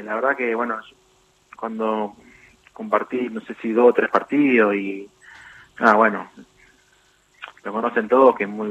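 A middle-aged man from Chubut with an Argentine accent, a former footballer speaking as a guest on a radio interview, talking haltingly with many fillers and restarts. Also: lowish voice. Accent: Argentine Spanish. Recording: tinny phone line.

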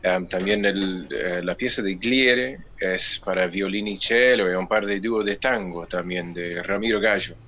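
A man, a musician guest on a radio interview, explaining things in a measured, thoughtful way. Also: deep voice, pushed and bright, highs cut off, slight background noise.

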